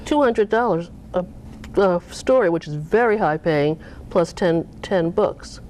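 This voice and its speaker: A woman author being interviewed, talking casually with animated pitch that jumps up when she makes a point. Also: unhurried, a little hiss or hum. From Cape Cod, US.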